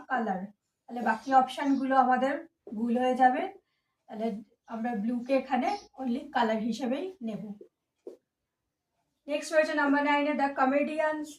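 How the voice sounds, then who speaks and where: Woman tutor going over exam answers, high voice, sounds a bit far from the mic. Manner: patient, explains step by step, mixes in English phrases. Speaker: English grammar teacher. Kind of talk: exam-prep lesson explaining answers. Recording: echoey room, voice from a distance.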